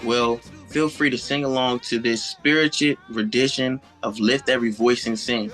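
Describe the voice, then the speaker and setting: A man's voice: medium pitch, steady tone, moderate pace, a bit bright, faint music behind. A man, a student co-host, reading upbeat scripted introductions between segments. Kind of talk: scripted event hosting.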